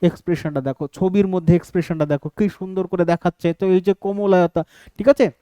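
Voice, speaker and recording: A man's voice: high voice, fairly even intonation, fast, dark tone, clear, resonant tone, dry recording. A man teaching an exam-prep lesson, explaining step by step and often checking in with his students. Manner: explains step by step, keeps asking "ঠিক আছে?".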